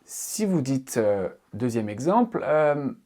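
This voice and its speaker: A man giving a video lesson, explaining grammar as an English tutor in an expressive teaching voice. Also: medium pitch, takes it slowly. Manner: lively, expressive teaching voice with frequent fillers.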